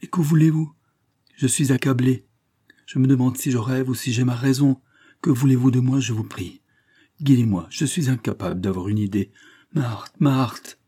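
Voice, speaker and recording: A man's voice: mid-range voice, normal speed, warm tone, husky, pitched above the performer's own voice, lightly acted. A man reading an audiobook, voicing an anguished young man in love who pleads in agitated outbursts. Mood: distraught.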